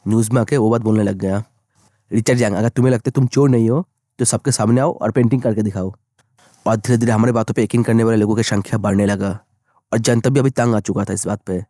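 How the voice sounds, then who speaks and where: Male recap narrator, fast, mellow dark tone, dry close voice-over. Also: medium pitch, dry recording. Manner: rapid, plain retelling of dialogue. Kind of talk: storytelling recap, voicing all characters in the same voice.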